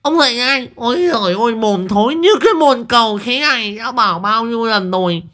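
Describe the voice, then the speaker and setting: A man voicing a crude, angry middle-aged wife in a shrieking falsetto, in a spoken ghost story. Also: fairly quick, pushed and bright. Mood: furious scolding.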